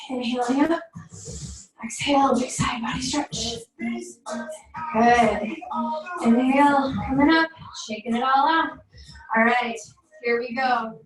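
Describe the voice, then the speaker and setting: A high-voiced young woman leads a barre class, counting reps at an unhurried pace and cheering her students on. She is heard from a distance, and her voice rings around a large, very echoey room. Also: a little hiss or hum. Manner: encouraging, upbeat, counts down reps. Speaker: barre fitness instructor. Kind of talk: guided workout instruction with counting.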